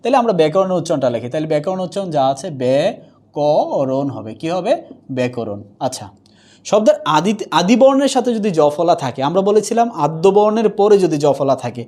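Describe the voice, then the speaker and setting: A male teacher giving a pronunciation lesson, asking questions and answering them himself, and saying example words slowly more than once. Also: sits high, a little mellow.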